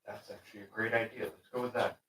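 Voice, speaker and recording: Man, casual rambling talk, deeper voice, echoey room. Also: fast talker, far from the mic. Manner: relaxed, rambling, talks to himself and chat. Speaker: painter streaming his work. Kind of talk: casual thinking-aloud commentary while painting. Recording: roomy sound, speaker away from mic.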